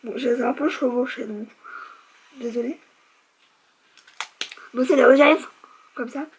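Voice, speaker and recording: A woman's voice: high-pitched, fairly even intonation, unhurried, slight background noise, poor audio. A young woman vlogger chatting casually through a beauty product review, chatty and self-mocking, with lots of fillers.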